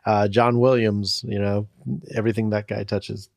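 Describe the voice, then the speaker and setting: Laid-back low-voiced male co-host. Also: little pitch movement, normal speed, darkish tone, no echo, clean studio sound. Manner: laid-back, casual slang, restarts. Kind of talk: casual podcast chat.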